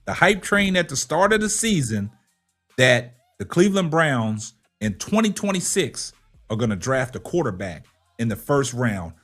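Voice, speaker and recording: A man's voice: medium pitch, big pitch swings, normal speed, a bit bright, faint music behind. A man hosting a sports talk show, emphatic and argumentative, firing rhetorical questions and checking in with short tags. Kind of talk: sports commentary and debate with a caller.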